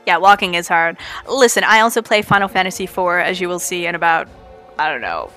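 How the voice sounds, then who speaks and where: A Canadian woman with a faint Newfoundland lilt gives chatty, playful live commentary on her speedrun, joking with chat. Her voice sits fairly low and sounds animated and sharp, moving a little fast over soft background music.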